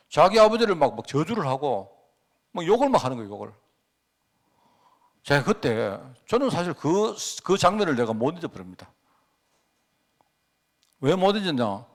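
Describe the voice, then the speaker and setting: A middle-aged male pastor delivers a sermon with a slightly raised pitch and a very lively, swinging delivery. He keeps throwing rhetorical questions at the congregation and surges up and drops away as he tells a personal story.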